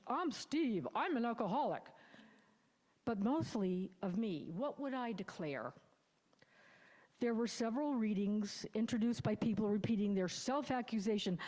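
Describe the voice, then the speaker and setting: A woman of about sixty tells her own recovery story as a testimony within a sermon, candid, reflective, and wry. Her medium-pitched voice has a dark tone, and the church sanctuary adds a long hall reverb.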